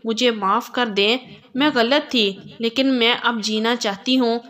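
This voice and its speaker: A woman's voice: a little high, fairly bright tone, lightly acted. A woman voicing a tearful young mother who pleads for forgiveness in a told story. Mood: pleading. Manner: pleading, sobbing delivery. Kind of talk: storybook narration.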